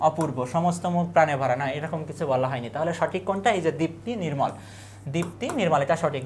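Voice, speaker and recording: A young adult tutor gives an exam revision lesson. The tutor asks quiz questions and answers them in quick lists. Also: mid-range voice, slight background noise.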